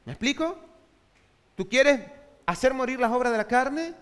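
A man's voice: very high-pitched, expressive, moderate pace, fairly bright tone, smooth. A man preaching a sermon as pastor, asking rhetorical questions and having the congregation repeat phrases after him. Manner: call-and-response, has the congregation repeat phrases. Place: church sanctuary. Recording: long hall reverb from a church.

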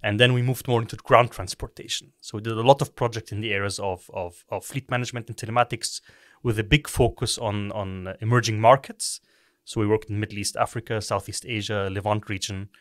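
A middle-aged man from Egypt speaks as a podcast guest, his voice sitting low. He explains step by step, restarting his phrases often. The sound is dry and close. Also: steady tone, a bit bright, no echo. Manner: measured, explanatory, with repeated restarts. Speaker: guest, tech company co-founder. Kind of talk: podcast interview.

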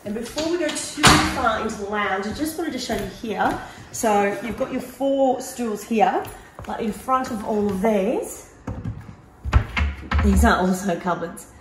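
A woman presenting a prize home tour walks through a large, empty modern house, indoors and out on a deck, upbeatly pointing out features in a mid-range, unhurried voice. A handheld camera follows her at a distance, so her voice is a bit far from the mic, the rooms echo, and the audio is very noisy.

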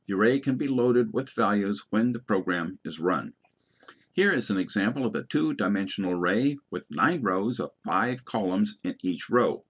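A man with a lowish, husky voice reads a scripted programming lesson. He speaks as an instructor, in a measured dictating manner that sets out each item clearly for the learner. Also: a bit bright. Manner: dictating code symbol by symbol, punctuation spoken aloud.

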